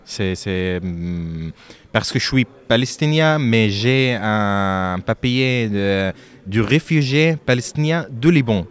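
A man from Lebanon answering interview questions about his music, speaking haltingly with frequent fillers and restarts. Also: lowish voice, lively intonation, smooth.

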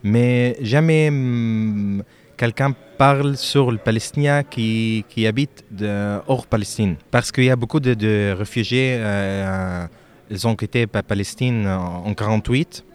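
A man from Lebanon answering interview questions about his music, speaking haltingly with frequent fillers and restarts. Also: fairly low pitch, clear, resonant tone.

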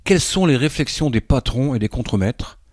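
A man's voice: mid-range voice, expressive, fairly quick, a little mellow, dry recording. Man presenting a reading, dry sound. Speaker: radio presenter. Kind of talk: introducing a reading.

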